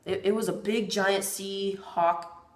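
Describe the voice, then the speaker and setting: A woman talks straight to camera in a loose, rambling vlog, tripping over her words and circling back on them. Her pitch sits in an ordinary middle range. The room around her is bare and echoey. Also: steady tone, takes it slowly. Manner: rambling, stumbles and repeats words. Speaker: vlogger. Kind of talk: casual rambling monologue.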